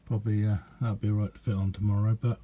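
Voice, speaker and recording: This radio hobbyist has a fairly low, dark voice and a flat delivery, with slight background noise. Unhurried and somewhat hesitant, he chats and rambles casually through a hands-on demonstration.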